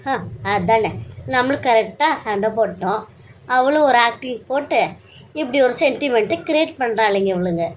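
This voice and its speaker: A woman plays a spiteful young woman of the house who sneers at and accuses the others. Her high voice sits over a faint hiss in this homemade serial story. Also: expressive, normal speed, close to an everyday voice, low-quality recording. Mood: plotting. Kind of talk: amateur serial-story voice acting.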